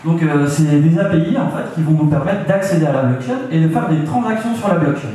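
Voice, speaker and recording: A young man presents at a meetup, holding a microphone in an echoey meeting room with an audience. His warm, fairly high voice moves a little fast, while he stumbles through fillers and restarts; the recording is distant with slight background noise.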